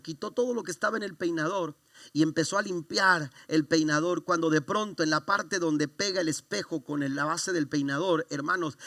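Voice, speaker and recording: A man's voice: a little high, pushed and bright, no room sound, studio quality. A man, preaching a sermon in church and telling a personal story with many restarts and fervent exclamations. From Mexico. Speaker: pastor.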